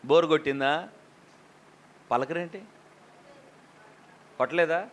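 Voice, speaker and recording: A man preaching a lively sermon as a pastor, questioning the congregation and acting out quotes. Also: a little high, slow pace, slight background noise.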